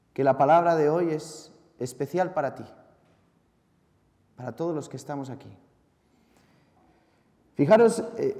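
Spanish priest, lively dramatic preacher, fairly high pitch, recorded in a reverberant church. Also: male voice. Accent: Spanish from Spain. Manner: lively, theatrical, shouts out acted cries, talks to listeners directly. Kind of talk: Sunday homily. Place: large church.

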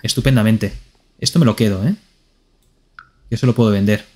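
A man's voice: on the low side, moderate pace, a little mellow. Playful Spanish man narrating his gameplay. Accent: Spain Spanish. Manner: playful, talks to himself and to the game characters. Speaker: streamer. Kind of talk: live gameplay commentary.

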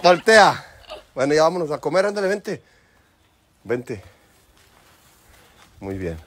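A man with a Mexican Spanish accent, vlogging at home with his family, cheering and coaching his kids excitably. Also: fairly high pitch, slow, breathy edge. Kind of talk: casual home vlog.

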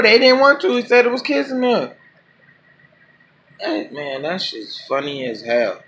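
Guy going off on a video he's watching, cussing a lot, bright forceful voice, kinda high. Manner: profane, animated ranting. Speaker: YouTuber reacting to a clip. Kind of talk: casual reaction commentary.

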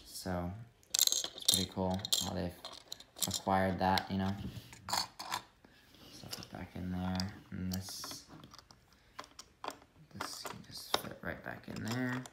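A young man with a deep, low voice chats casually while reviewing a toy set, trailing off into asides and fillers. His voice bounces around an echoey room, with audible noise behind him. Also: slow pace, vocal fry, pauses often. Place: room at a table with toys.

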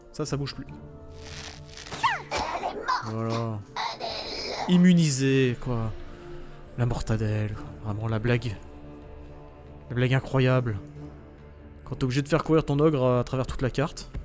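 A man's voice: medium pitch, measured pace, long pauses. Sarcastic man commenting on his gameplay. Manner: sarcastic, swears freely, mutters while playing. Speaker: gaming video host. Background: faint game music.

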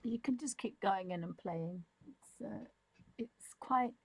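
A woman's voice: mid-range voice, takes it slowly, darkish tone, husky, no room sound, poor audio. A woman giving a casual, unscripted art tutorial, musing and thinking aloud as she draws. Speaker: digital art tutorial presenter. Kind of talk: casual, unscripted demonstration commentary.

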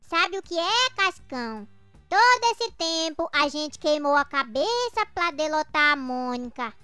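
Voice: sits high, big pitch swings, measured pace, sharp tone, no echo, soft background music, full character voice. An actor voicing a smug, commanding little boy who schemes like a small villain in a children's comic dub.

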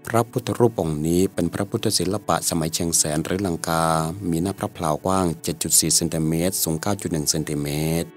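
A man narrates a story in a steady, measured way. His voice sits very low. Faint music runs softly behind him.

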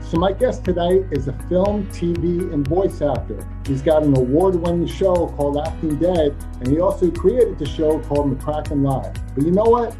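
Brooklyn man, video-call talk-show host, playful and laughing, slightly high mellow voice. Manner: jokey, playful, laughs often. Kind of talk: casual video-call interview.

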